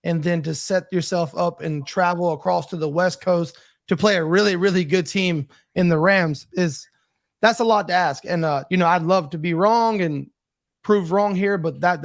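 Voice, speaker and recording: High-voiced matter-of-fact man. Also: normal speed. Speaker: podcast co-host. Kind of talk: casual sports chat.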